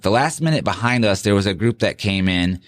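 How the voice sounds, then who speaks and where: A man's voice: fairly low pitch, expressive, brisk. A middle-aged man telling a story in a casual interview, rambling and often restarting his sentences. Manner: rambling, with many restarts and self-corrections. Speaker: guest, sheriff candidate.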